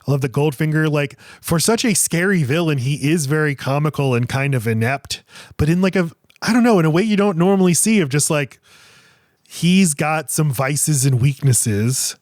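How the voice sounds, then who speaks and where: A man's voice: fairly high pitch, expressive, normal speed, a little mellow, dry recording, studio quality. A man co-hosting a movie review podcast in casual chat, rambling and restarting sentences, slipping into silly voices to quote scenes. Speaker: podcast co-host.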